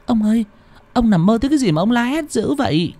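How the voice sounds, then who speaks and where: A man voicing a fretful old village wife who nags and frets in a shrill, high voice. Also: lively intonation, fast, darkish tone, full character voice. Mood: worried.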